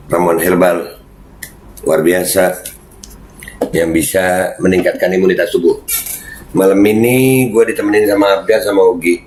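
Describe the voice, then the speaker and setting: A man hosting his own channel, talking loudly and heatedly in casual commentary. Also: sits low, roomy sound, a little hiss or hum, rough recording. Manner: loud, heated, then slipping into Arabic prayer phrases. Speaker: YouTube channel host.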